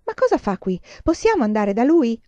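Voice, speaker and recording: A woman voicing a spirited, stubborn little girl in a storybook reading, speaking high and insistent. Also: sing-song, fairly quick, mellow, no room sound, lo-fi sound. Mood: bold.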